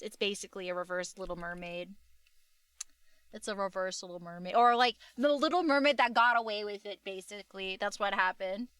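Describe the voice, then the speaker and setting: A woman chatting casually on a livestream in a cute, gushing anime-streamer way, with slangy, expressive exclamations. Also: mid-range voice, clean tone, dry recording. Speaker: VTuber artist and livestreamer.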